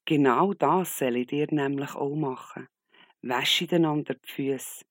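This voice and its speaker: A man voicing Jesus as a calm, gentle teacher in a Bible story. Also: fairly high pitch, takes it slowly, dry recording, studio quality. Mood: gently firm.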